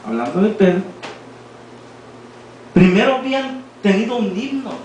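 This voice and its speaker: A man with a Mexican Spanish accent preaching a sermon in a church, reading scripture and then alternating between quiet lines and shouted appeals. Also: high-pitched, sing-song, moderate pace, lo-fi sound. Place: church hall. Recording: very echoey hall from far off, faint noise.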